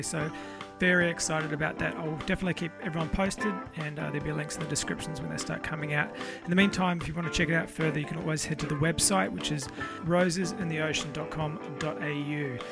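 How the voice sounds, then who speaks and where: Higher-pitched, gravelly male podcast host. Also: steady tone, fast, few pauses, over music. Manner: informal, sweary, enthusiastic. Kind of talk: casual chat with spoken introduction.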